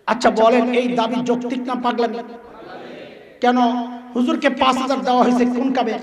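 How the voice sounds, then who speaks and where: High-voiced preacher, echoey hall. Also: male voice, steady tone, brisk, far from the mic. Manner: call-and-response, quizzing the audience; acts out voices in quotes. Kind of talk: Islamic sermon to a crowd.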